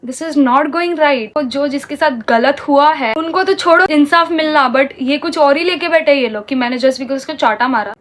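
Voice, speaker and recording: High-voiced woman. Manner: heated, indignant storytelling mixing Hindi and English. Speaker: vlogger. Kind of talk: storytime vlog.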